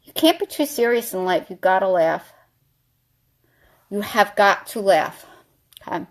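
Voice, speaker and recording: A woman's voice: medium pitch, expressive, measured pace. A woman vlogger chatting animatedly, telling a story while doing her makeup.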